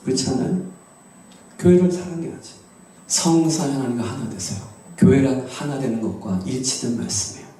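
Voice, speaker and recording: A male pastor preaching a sermon, switching between hushed asides and loud exclamations. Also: mid-range voice, brisk. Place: church sanctuary. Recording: echoey church hall from a distant mic.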